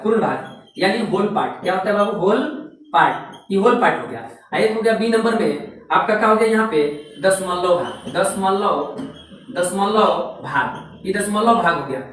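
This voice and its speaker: A man's voice: high-pitched, a bit bright. A man teaching a maths lesson, asking questions and answering them himself and repeating key terms. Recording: very echoey room, mic far off.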